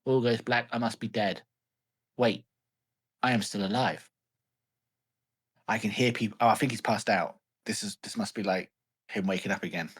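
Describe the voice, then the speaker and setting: A man's voice: on the low side, fairly even intonation, normal speed, pauses often, husky. A man reading fanfiction aloud in a mock-dramatic voice and joking about it as a podcast host. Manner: reads in a mock-dramatic voice, swears, laughs. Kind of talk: comic dramatic reading and banter.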